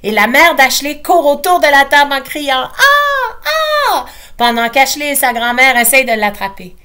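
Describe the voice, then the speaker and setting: High-voiced Quebec French woman reading aloud. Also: clean tone. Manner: expressive storyteller, drawn-out repeated phrases. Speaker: teacher. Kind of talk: reading a picture book aloud.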